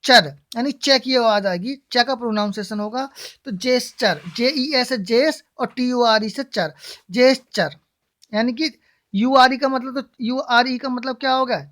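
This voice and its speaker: A woman's voice: on the high side, unhurried, a bit bright. Woman teaching English pronunciation. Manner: repeats questions to the class and answers them herself, spells words letter by letter. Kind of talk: classroom-style lesson.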